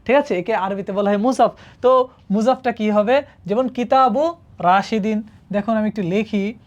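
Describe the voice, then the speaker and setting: At a normal pace and in a mid-range, slightly mellow voice, a woman leads a classroom-style Arabic grammar lesson. She patiently questions her students and often checks they follow with "ঠিক আছে?". The highs are cut off.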